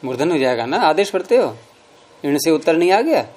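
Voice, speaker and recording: A man's voice: fairly high pitch, sing-song, darkish tone. Man patiently teaching Sanskrit grammar. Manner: patient, repeats forms slowly and explains step by step. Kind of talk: classroom lesson explaining grammar rules.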